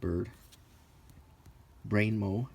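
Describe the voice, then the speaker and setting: This middle-aged man's fairly low, steady voice moves extremely slowly, with slight background noise, as he browses game books on his vlog. He talks casually and off the cuff, offering nostalgic, mildly grumbling remarks that become unintentional ASMR.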